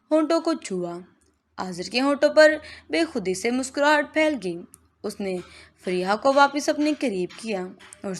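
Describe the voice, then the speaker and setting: High-voiced woman reading a story. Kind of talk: scripted narration.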